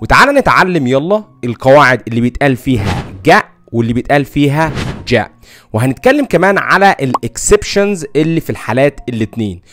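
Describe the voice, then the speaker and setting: A man's voice: medium pitch, a bit bright. A man with an Egyptian Arabic accent teaching an English phonics lesson and reading example words one at a time.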